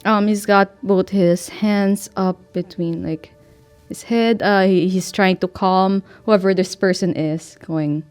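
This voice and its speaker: A woman running a tabletop role-playing game as game master, narrating scenes at a very slow, deliberate pace. Her pitch is middling for a woman, and she pauses often, filling the gaps with small hesitations. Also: steady tone, darkish tone, clean tone, soft background music. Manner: slow, unhurried, with fillers.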